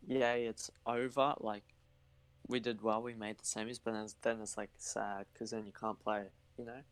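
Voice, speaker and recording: Teen boy, relaxed guest, short easygoing answers. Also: lowish voice, moderate pace, smooth. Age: teens. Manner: laid-back, brief answers. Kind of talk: casual chat.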